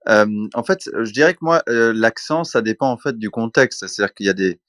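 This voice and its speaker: A man adding his opinion in an online audio room, speaking in a measured way with many fillers. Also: mid-range voice, lively intonation, fairly bright tone, no echo, studio quality. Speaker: participant.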